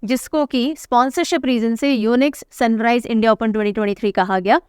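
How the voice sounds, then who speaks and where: A woman's voice: on the high side, fairly even intonation, a little fast, clear, resonant tone, dry recording, studio quality. A young woman teaching an exam-prep lesson, chatty and teasing, repeating key names to drill them in. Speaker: current affairs teacher.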